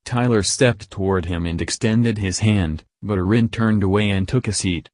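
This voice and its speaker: A man reading an audiobook in a steady, measured narration, recorded close to the mic. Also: lowish voice, no echo.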